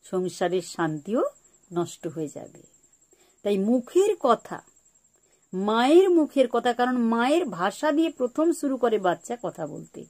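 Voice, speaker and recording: Slow, lively spiritual woman speaker. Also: fairly high pitch. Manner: slow, repeating key points like a teacher. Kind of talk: spiritual talk on parenting.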